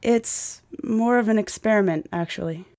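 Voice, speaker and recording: A man's voice: high-pitched, moderate pace, darkish tone, voice pushed up. A man voicing a flustered young woman. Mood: earnest. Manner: flustered, pleading.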